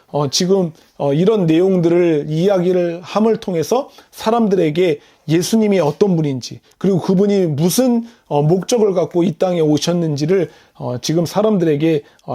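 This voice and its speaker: High-voiced male pastor preaching. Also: warm tone. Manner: explains verse by verse, posing rhetorical questions to the congregation; leads the congregation in reading scripture aloud. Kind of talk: sermon.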